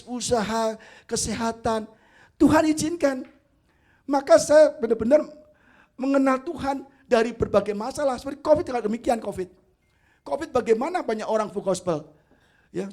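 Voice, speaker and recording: Middle-aged guy preaching, high voice, tells stories and acts out the back-and-forth talk. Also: a little mellow. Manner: storytelling, acting out dialogue, addresses listeners as "saudara". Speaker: preacher giving a testimony. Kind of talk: sermon testimony.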